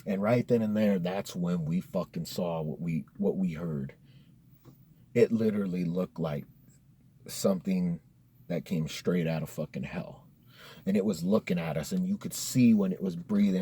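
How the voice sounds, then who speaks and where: Low, warm and a bit breathy, this young man's voice carries a casual personal horror story on his story-time series. He's from Colorado, curses freely, and talks to listeners with slang like "dude" and "bro."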